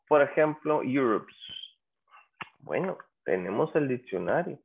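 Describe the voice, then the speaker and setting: A man teaching an English class, drawing out his example words slowly and coaxing students to answer. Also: medium pitch, vocal fry. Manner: slow, drawn-out English examples. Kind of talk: online class lecture. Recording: tinny phone-like audio.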